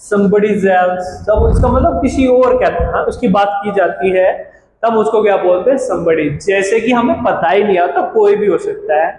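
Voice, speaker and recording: High-voiced male teacher drilling vocabulary. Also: normal speed. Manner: repeats each word and meaning, asks the class what it is called; addresses students as "beta". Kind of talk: classroom vocabulary lesson. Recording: echoey room with background noise.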